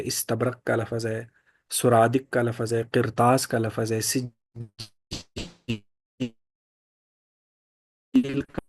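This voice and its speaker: A man giving a classroom lecture in an explanatory way, often pausing and restarting his sentences. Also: medium pitch, dry recording. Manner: explanatory, frequent fillers and restarts. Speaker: teacher.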